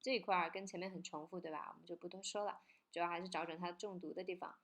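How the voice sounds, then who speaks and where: A woman teaching an English song in Mandarin, breaking lines down slowly and singing phrases to show how the words link together. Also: on the low side, fairly even intonation.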